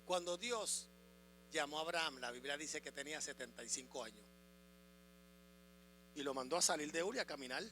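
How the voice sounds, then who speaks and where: A man preaching a sermon as a pastor, swinging between loud proclamation and quiet asides, asking the congregation questions. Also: on the high side, brisk, long pauses. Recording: music and mains hum behind.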